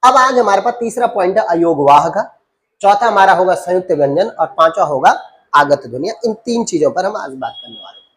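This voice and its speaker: A man's voice: sits high, animated, fairly quick, fairly bright tone. Male grammar teacher, classroom lesson, asks and answers his own questions, repeats terms. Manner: rhetorical questions, repeats key terms for students; addresses students as beta and babu.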